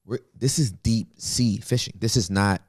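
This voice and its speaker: A man's voice: lowish voice, unhurried, dry recording, studio quality. A male pastor telling stories in a casual, emphatic podcast conversation. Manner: storytelling, emphatic, laughs often.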